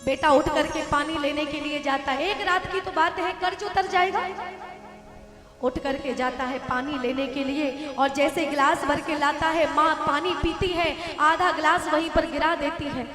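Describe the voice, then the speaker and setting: A woman's voice: high-pitched, steady tone. A woman religious storyteller giving a dramatic, emphatic devotional sermon at a large gathering. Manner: dramatic, emphatic, quick narration. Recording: echoey hall with music behind.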